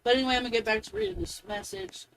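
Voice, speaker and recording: A woman's voice: sits high, sing-song, very fast, creaky, rough recording. A young woman streamer in casual chat, venting animatedly and quoting people in a raised voice. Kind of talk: casual chat while gaming.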